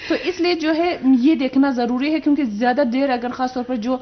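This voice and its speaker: A woman's voice: high-pitched, lo-fi sound. A woman doctor, a guest on a TV morning show, giving expert advice in a patient, explanatory way with frequent fillers. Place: TV studio.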